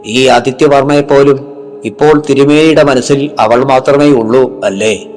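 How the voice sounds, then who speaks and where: A man's voice: medium pitch, fairly even intonation, unhurried, darkish tone, faint music behind, lightly acted. A man voicing a grieving man who pleads sorrowfully with a faltering voice, in a horror story reading. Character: grieving man calling out to an old friend.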